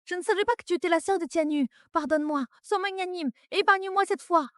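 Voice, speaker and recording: A woman's voice: extremely high pitch, fast, a bit bright, dry recording, studio quality. A woman voicing a scheming young fiancée who begs and wheedles in a French melodrama dub. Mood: pleading. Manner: desperate, wheedling. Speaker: dubbing actress.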